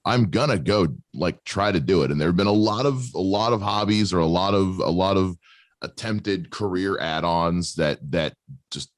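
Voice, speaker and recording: A man's voice: sits low, normal speed, dry recording. A man hosting a podcast, joking and rambling, often stumbling and restarting his sentences. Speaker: podcast host. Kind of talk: casual podcast chat.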